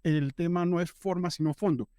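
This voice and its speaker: A man's voice: a little high, fairly even intonation, moderate pace, dark tone, no echo, studio quality. A man raising a question at a banking panel, thoughtful with hesitant restarts. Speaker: audience member asking a question. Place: event room.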